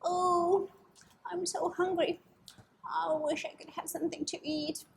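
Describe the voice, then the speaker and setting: A woman's voice: extremely high pitch, little pitch movement, unhurried, a little hiss or hum, voice pushed up. A woman voicing a very little, hungry storybook caterpillar, wistful and childlike, in a plaintive manner. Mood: wistful hunger.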